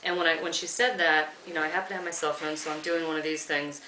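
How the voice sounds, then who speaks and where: Woman, interviewee, halting and emotional, bright voice, recorded from afar in an echoey room with faint hiss. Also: low-pitched, steady tone, far from the mic. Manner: halting, emotional, quoting others. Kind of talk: recounting an experience in an interview.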